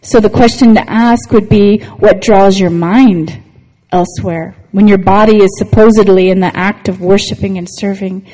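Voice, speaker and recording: A woman's voice: mid-range voice, fairly even intonation, normal speed, dark tone, in a large hall, low-quality recording. A woman giving a devotional talk to women, earnest and personal, often asking "right?". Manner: earnest, personal storytelling, frequent "right?" asides. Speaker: women's Bible teacher.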